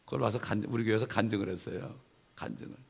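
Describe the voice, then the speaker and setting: A man's voice: lowish voice, fast talker, creaky, slightly rough. A middle-aged male pastor teaching a Bible study sermon, emphatic and conversational, with asides to the congregation.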